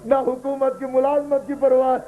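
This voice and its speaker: A man's voice: extremely high pitch, level tone, phone-quality sound. A man reciting a mournful lament at a mourning gathering, wailing and pleading with his listeners. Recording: live gathering with crowd noise. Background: crowd of mourners.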